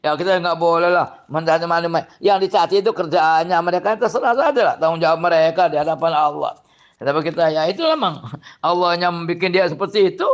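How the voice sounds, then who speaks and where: A man with a Cirebon Javanese-tinged accent, reading a classical religious text aloud and explaining it to students in an animated way, exclaiming and chuckling often. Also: a little high, fast, dull audio. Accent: Cirebon Javanese-tinged Indonesian. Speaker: Islamic boarding school teacher.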